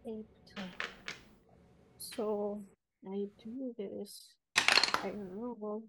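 A woman, a player at a tabletop game, calmly reading out her dice totals. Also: medium pitch, very noisy. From Philippines. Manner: unhurried, reads out dice totals. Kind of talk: casual chat at a game table.

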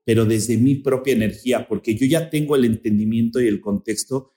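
Man, podcast guest, casual spiritual chat, rambling, restarts mid-sentence, middle pitch, roomy echo. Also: brisk, mellow. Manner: rambling, searching for words.

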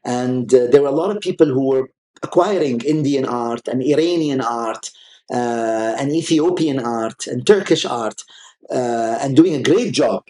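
Speaking in an unhurried, mellow, medium-pitched voice, an art collector guest hesitates often, restarting sentences and using plenty of fillers. He is a native Arabic speaker taking part in a conversational interview.

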